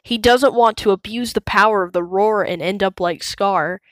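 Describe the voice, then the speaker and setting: A woman reading a children's storybook aloud, slow, clear and measured. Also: medium pitch, no echo. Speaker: storybook reader.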